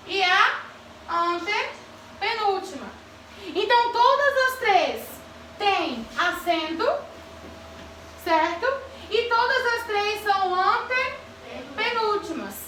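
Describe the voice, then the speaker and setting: A woman's voice: extremely high pitch, pushed and bright, slight background noise. A woman teacher giving a grammar lesson to children, asking the class questions and calling on pupils by name. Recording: echoey classroom from far off.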